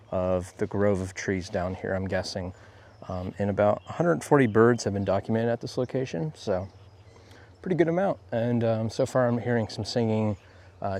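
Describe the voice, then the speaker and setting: A man with a somewhat low voice narrates a casual outdoor vlog as he walks a nature trail. He talks in a relaxed, rambling way and fills pauses with plenty of ums. A faint outdoor ambience sits underneath. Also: slight background noise. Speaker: nature photographer vlogger.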